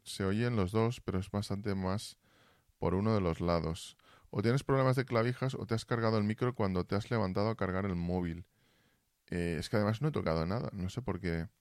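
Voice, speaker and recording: Casting: deep-voiced male streamer, casual and fumbling with his mic, close dry sound. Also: darkish tone, dry recording. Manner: fumbling with audio gear, asking chat for feedback. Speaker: Twitch streamer. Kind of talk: casual live-stream chat. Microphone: desk mic, then built-in computer mic.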